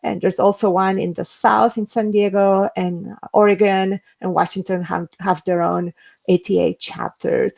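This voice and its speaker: Speaking in an instructional webinar with a screen demo, a Spanish interpreter offers earnest advice, often hesitating. She has a gravelly, mid-range voice that is a little mellow, captured in dull, lo-fi webinar audio.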